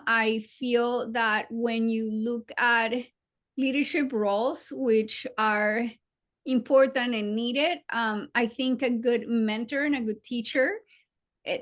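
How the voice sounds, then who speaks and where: Guest: woman, 40s, Colombian Spanish accent, slightly high pitch, earnest and reflective delivery. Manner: earnest, reflective, many pauses and fillers. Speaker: guest surgeon. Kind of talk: interview conversation.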